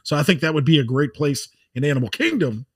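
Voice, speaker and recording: A man's voice: a little high, animated, fast. An American man co-hosting a podcast in a casual, conversational style. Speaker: podcast co-host.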